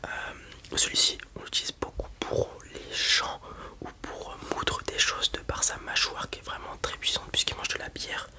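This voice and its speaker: In an ASMR roleplay, a man plays a breeder, whispering breathily at a moderate pace. He explains things casually and a little hesitantly.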